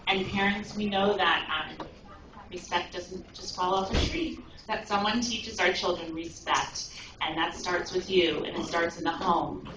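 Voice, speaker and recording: School lady thanking parents at a breakfast, kinda low voice, sounds far away w lots of room noise. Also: fairly even intonation, a little slow. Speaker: school staff member. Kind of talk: speech at a school awards breakfast. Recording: echoey room from far off, noisy.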